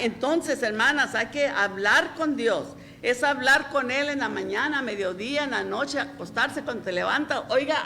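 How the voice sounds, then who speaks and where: A woman's voice: on the high side, a bit bright, slight background noise. A middle-aged woman pastor, preaching a folksy, chatty sermon and often asking "¿verdad?".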